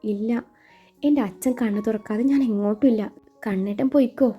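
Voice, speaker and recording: Lady as worried young woman, pleading, higher voice, muffled. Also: fairly quick, slightly rough. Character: anxious young woman, tearful daughter. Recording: muffled recording with soft music.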